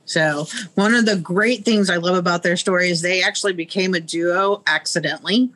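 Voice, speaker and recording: Bright-voiced woman museum guide on a video call. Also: fairly low pitch, a little fast, no room sound. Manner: knowledgeable, hesitant with frequent ums. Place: museum exhibit room, indoors. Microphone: video call, webcam.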